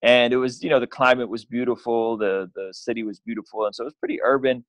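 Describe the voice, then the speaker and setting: Talking fast in a mid-range voice with fairly even intonation, a young man from Azerbaijan rambles through a casual podcast interview. He keeps restarting and relies on "you know" and "like," captured in a dry recording.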